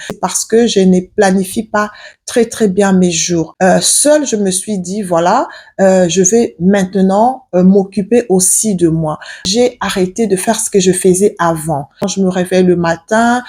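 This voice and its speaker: Her voice is medium-pitched with a darkish tone. She's an African vlogger in her 40s offering viewers earnest, casual advice straight to camera, hesitating often as she goes.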